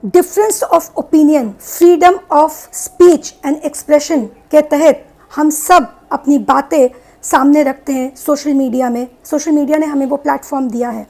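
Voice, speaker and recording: A young woman giving an earnest, measured opinion monologue as a vlogger, mixing English words into her talk. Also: sits high, fairly even intonation, darkish tone, rough recording.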